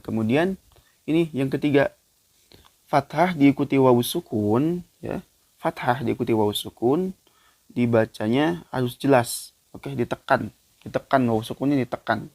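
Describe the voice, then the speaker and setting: A man teaching Quran recitation in a casual spoken lesson. He explains loosely with many fillers, then chants the verses slowly and louder. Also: mid-range voice, dry recording.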